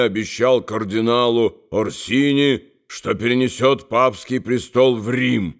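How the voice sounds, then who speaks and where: A man reading a novel aloud as an audiobook narrator, with an unhurried, even storytelling delivery. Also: medium pitch. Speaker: audiobook reader.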